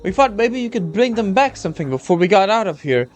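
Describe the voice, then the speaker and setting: Anxious male soldier for a game story man reading, high, pleading, halting and earnest. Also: sing-song, faint music behind. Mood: earnest, worried. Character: Mikhail, pleading, frightened male wounded-army soldier. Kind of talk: game story read aloud.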